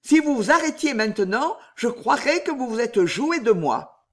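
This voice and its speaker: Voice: mid-range voice, expressive, moderate pace, voice pushed up, close to an everyday voice. A reader voicing a pale, frightened young noblewoman in an audiobook, pleading and shaken, with a raised voice for her lines. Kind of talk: audiobook reading.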